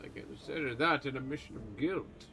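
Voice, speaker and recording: A man's voice: medium pitch, normal speed, creaky, sharp tone, faint music behind, poor audio. A man voicing an aging male church pontifex who is stern and secretive, speaking in a formal, haughty, old-fashioned way. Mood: accusing. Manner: formal archaic speech, haughty and accusing.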